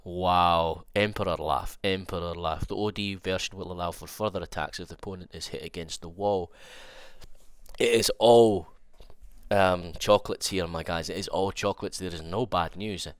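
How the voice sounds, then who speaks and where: Man, young adult, low voice, nasal from a cold, excitable rambling game commentary, dry close sound. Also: moderate pace, clean tone, no room sound. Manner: rambling, excitable, thinking aloud with restarts. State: has a cold. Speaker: fighting game content creator. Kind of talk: excited trailer breakdown commentary.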